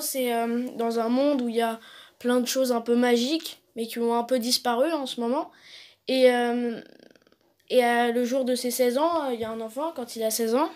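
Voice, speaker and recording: Woman vlogger, kinda high voice, lots of euh, rambly chill film recap. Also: darkish tone. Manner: hesitant, rambling, many fillers.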